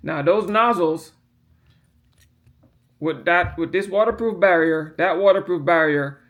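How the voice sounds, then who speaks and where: The audio sounds like it's coming through a phone: a man with a high voice, speaking at a measured pace, casually explains a printer part as he handles it. This hobbyist's hands-on demo rambles and repeats, stressing key points, and medication keeps him yawning.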